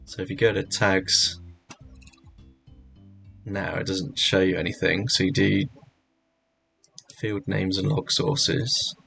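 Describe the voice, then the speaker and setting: A man streaming a hacking challenge walkthrough, talking casually in halting, rambling sentences full of fillers. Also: low voice, little pitch movement, creaky, a bit bright, soft background music. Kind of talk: casual livestream commentary.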